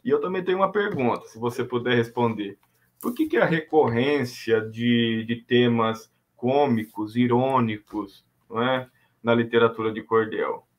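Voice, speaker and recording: A man's voice: mid-range voice, moderate pace. A man moderating a live online talk over a computer mic, friendly, reading out the chat and addressing the viewers.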